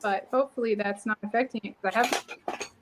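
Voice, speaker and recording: A woman's voice: mid-range voice, steady tone, brisk, heavy background noise. A woman chatting as a guest on a live stream, her audio dropping out and clipping over a wireless mic. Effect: audio cutting out over a wireless mic on a live stream. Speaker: guest on a livestream. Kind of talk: casual chat. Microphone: wireless mic on a call.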